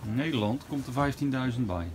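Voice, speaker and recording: Guy in his 40s walking round outside filming on his phone, relaxed chatty commentary, lots of outdoor noise. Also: mid-range voice, brisk. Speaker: vlogger. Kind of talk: casual walk-and-talk vlog. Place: outdoors at a campervan fair. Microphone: phone camera at arm's length. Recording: noisy outdoor phone recording. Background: outdoor ambience and vehicles.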